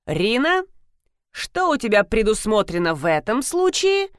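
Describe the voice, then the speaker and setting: A woman's voice: a little high, sing-song, measured pace, no echo. A woman reading an audiobook, voicing a dry, self-mocking middle-aged man.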